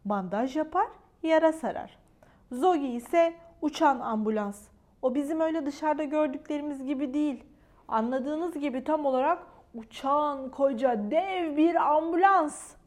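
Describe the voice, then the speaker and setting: A woman reading a children's storybook aloud in an expressive storyteller manner. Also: sits high, normal speed. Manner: animated, expressive.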